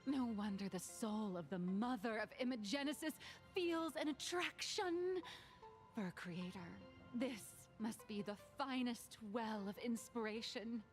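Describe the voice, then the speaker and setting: A woman plays a thoughtful female artist in a video game, drawing her words out very slowly. Her tone is wistful and musing, over faint background music. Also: fairly high pitch, lightly acted. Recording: game audio with music underneath.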